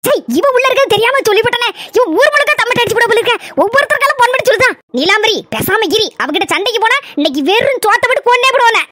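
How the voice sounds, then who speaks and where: A woman's voice: very high voice, rapid-fire, few pauses, sharp tone. A woman voicing a gossipy, food-loving elderly mother-in-law with a Kanyakumari Tamil accent, in a chatty, rambling and complaining way. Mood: grumbling. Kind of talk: cartoon voice acting.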